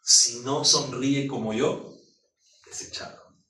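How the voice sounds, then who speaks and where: A middle-aged man, a pastor, preaching a sermon in a lively, joking way full of rhetorical questions. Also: high voice, normal speed. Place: church hall. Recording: echoey room, mic at a distance.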